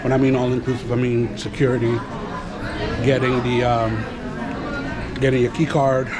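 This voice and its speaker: A man chatting informally to his viewers as a travel vlogger, halting and speaking in short phrases. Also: medium pitch, little pitch movement, over a noisy crowd. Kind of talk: casual vlog chat to viewers. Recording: very noisy on-location vlog audio.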